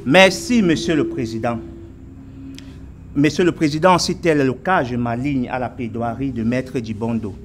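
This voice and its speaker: A man's voice: mid-range voice, moderate pace, faint music behind. A man acting as a prosecutor in a comedy courtroom sketch, speaking formally to the judge. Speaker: actor playing a prosecutor.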